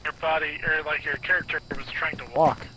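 A man chimes into a co-op game session with short, questioning remarks. His voice is very bright and sharp and sits slightly high. Faint noise lies behind him. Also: flat delivery, fairly quick, poor audio. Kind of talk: casual gaming chat.

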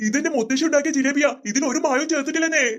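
Performer as a high, fast-talking shifty street vendor, stammers and sucks up, for a comic skit. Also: fairly even intonation, fairly bright tone. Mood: nervous. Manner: stammering, fake politeness. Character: stammering crooked street sweet seller.

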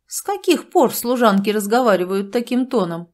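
A woman's voice: on the high side, big pitch swings, moderate pace, darkish tone. A woman voicing a haughty young lord who gives curt, cold orders in a fantasy audiobook. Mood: stern.

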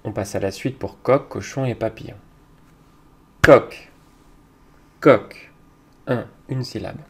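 A man teaching young children, talking slowly and patiently, with hesitant fillers. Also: on the low side, creaky, breathy edge. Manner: speaks slowly to a child, hesitant fillers, loudly claps out each word. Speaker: kindergarten teacher.

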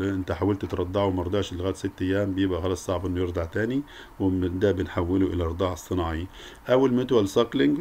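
A man's voice: sits low, darkish tone, slight background noise. A man with an Egyptian Arabic accent giving a recorded academic lecture, peppering his speech with English technical terms. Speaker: veterinary lecture presenter.

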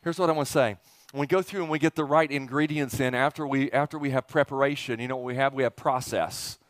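Speaking at a quick pace with fairly even intonation, this mid-range male voice belongs to a middle-aged pastor preaching informally on an indoor church stage. He's folksy and jokey, quizzing the congregation with rhetorical questions and repeating lines for emphasis. The headset recording is dry.

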